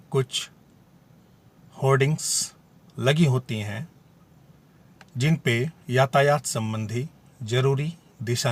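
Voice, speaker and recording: A man teaching Hindi grammar in a video lesson, explaining terms deliberately and spelling out examples. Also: medium pitch.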